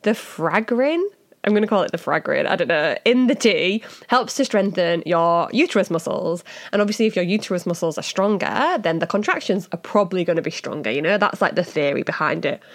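Woman, Hull accent, somewhat low-pitched, casual podcast explanation, chatty, informal, full of asides. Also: brisk, hardly any pauses. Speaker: podcast host.

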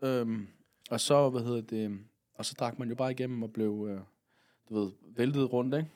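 A man's voice: mid-range voice, fairly even intonation, darkish tone. Rambling, easygoing male podcast guest. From Funen, Denmark. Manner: rambling, with many fillers and casual swearing. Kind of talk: casual storytelling.

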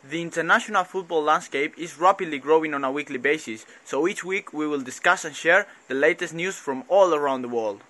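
A man's voice: on the high side, brisk, hardly any pauses, pushed and bright. A young man with a Basque Spanish accent, reading a scripted podcast introduction as a host. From Basque Country, northern Spain. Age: young adult.

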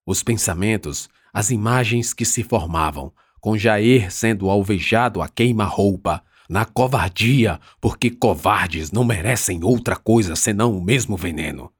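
A man narrates an audiobook with measured, dramatic pacing. His voice sits low and has a husky texture. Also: no echo, clean studio sound. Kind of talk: scripted narration.

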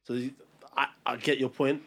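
A man with a London roadman accent in a casual group debate, animated and slangy, repeating himself for emphasis. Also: mid-range voice, moderate pace, slightly rough. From Albania.

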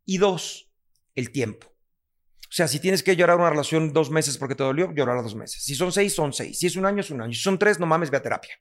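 A Mexican-accented man guests on a candid podcast, his fairly high voice expressive and a little quick. He talks bluntly, swears freely, and acts out what other people said.

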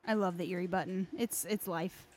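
A woman with a fairly low, slightly mellow voice speaks a little fast in a steady tone. Chatting about game lore on a podcast, she phrases things loosely and hesitantly, using "like" frequently as filler.

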